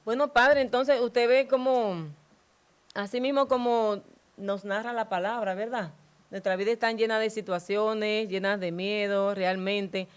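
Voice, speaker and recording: Slow-reading woman, smooth clear voice. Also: medium pitch, steady tone. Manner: slow, measured, devotional reading. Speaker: host. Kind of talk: scripture reading and discussion.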